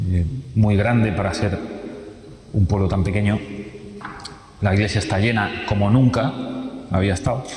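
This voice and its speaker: Man with a Spanish accent from Spain, low voice, storytelling talk in a booming hall with long reverb. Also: a little mellow, slight background noise. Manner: vivid storyteller, repeats phrases and restarts often. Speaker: speaker giving a testimony.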